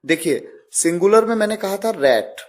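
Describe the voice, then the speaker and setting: A man's voice: sits high, animated, normal speed. A man teaching a grammar lesson step by step, spelling words out letter by letter and repeating each example. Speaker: English teacher.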